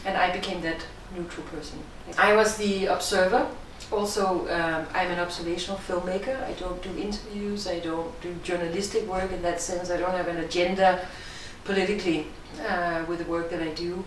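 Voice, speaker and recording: A woman's voice: on the low side, fairly even intonation, slight background noise. Danish-accented woman in an echoey room. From Denmark. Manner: measured, explanatory, thoughtful. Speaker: film director. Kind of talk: interview answers. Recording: echoey room, distant mic.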